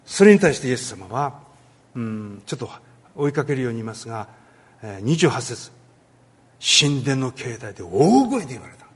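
Husky-voiced preacher with a lively delivery. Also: male voice, mid-range voice. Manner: lively, with many pauses and filler words. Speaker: pastor. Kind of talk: sermon on a Bible passage.

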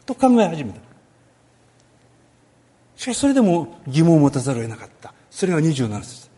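Man, pastor preaching, very expressive pitch, frequent pauses and fillers. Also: slightly rough. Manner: lively, with many pauses and filler words. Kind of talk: sermon on a Bible passage.

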